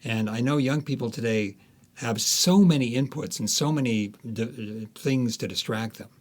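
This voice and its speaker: Being interviewed about his work as an author, a man with a medium-pitched voice speaks conversationally, stopping and starting and repeating words as he works through his thoughts.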